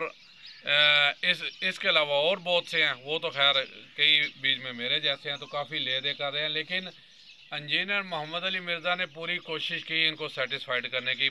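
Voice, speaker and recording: A man's voice: on the high side, moderate pace, pushed and bright, a little hiss or hum. A man in his fifties from Pakistan giving an earnest political commentary monologue, addressing his viewers directly. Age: 50s. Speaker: vlogger.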